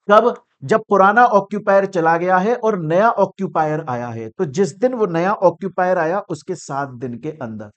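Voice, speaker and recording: A man giving a law lecture in Hindi and English. He poses questions and answers them himself, and he acts out what students ask. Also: sits high. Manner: animated, asks and answers his own questions. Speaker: law teacher. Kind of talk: classroom lecture.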